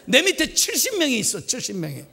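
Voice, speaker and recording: Man putting on a shouting arrogant boss. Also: high voice, big pitch swings, quick pace, vocal fry, slightly rough, pitched above the performer's own voice, full character voice. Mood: angry shouting. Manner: shouting, barking orders. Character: rude middle-aged male boss customer, arrogant and bossy.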